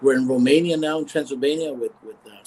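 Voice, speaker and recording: A man, the founder of a cigar company, telling stories in a relaxed live interview, animated and often restarting his phrases. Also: mid-range voice, quick pace, a little hiss or hum, rough recording. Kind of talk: casual storytelling in a live interview.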